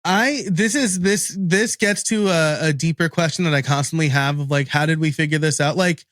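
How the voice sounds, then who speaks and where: A man with a New York accent, co-hosting a casual tech podcast, curious and quick to laugh. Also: a little high, fairly bright tone, no room sound. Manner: chatty, laughs often, curious musing. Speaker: podcast co-host. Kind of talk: casual chat.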